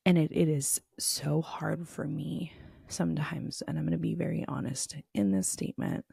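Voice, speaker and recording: A woman's voice: low voice, fairly even intonation, normal speed, creaky, mellow, husky, dry recording, studio quality. A woman hosting her own podcast, talking candidly and earnestly, frustrated and emotional, in a conversational way full of "like" fillers. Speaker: podcast host. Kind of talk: candid solo podcast monologue.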